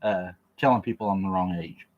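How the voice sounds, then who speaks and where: With phone-quality sound, a low-pitched male host from Oklahoma talks a little fast on a casual stream. He reads viewer comments aloud, jokes, and laughs while eating.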